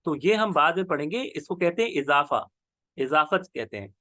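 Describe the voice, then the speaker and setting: A man leads an online grammar class in a high, animated voice that rises and falls freely. He explains slowly and patiently, repeating each term so students can follow. The sound is close and dry, with no room around it. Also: dry recording. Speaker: teacher.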